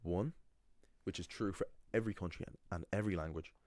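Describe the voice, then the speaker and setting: A man's voice: deep voice, fast, darkish tone, no room sound. A young man teaching pronunciation in a blunt, opinionated way, with frequent restarts. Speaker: language teacher. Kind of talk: casual explanatory monologue.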